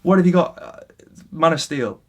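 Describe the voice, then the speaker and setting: Man, vlogger, impassioned rant to camera, slightly high-pitched voice, veers from loud to hushed. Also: moderate pace. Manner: passionate, animated, swings between loud and quiet. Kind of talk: casual opinion rant to camera.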